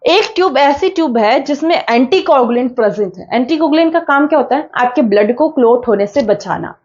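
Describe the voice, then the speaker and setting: High-voiced woman teaching a class. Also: lively intonation, a little mellow, lo-fi sound. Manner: explains slowly, repeats points, asks and answers her own questions. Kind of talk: online exam-prep class.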